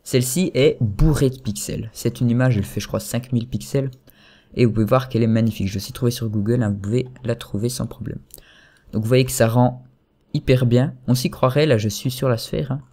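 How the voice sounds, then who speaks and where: A young man narrates a relaxed software walkthrough while recording his computer screen, speaking at a medium pitch and a little fast. Hesitant and talkative, he leans heavily on fillers and keeps correcting himself.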